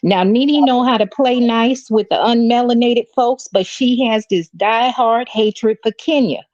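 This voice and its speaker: A woman's voice: on the high side, unhurried, a little mellow, no room sound. A woman calling in on a phone line that fades in and out, giving blunt opinions and calling people "baby". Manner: opinionated, says "baby" to her listeners. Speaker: caller. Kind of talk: live call-in commentary. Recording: dull, dry phone line.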